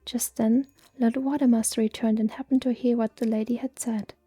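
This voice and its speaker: A woman's voice: on the high side, breathy edge. Whispering woman reading a bedtime story. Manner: slow, hushed and even. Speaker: reader.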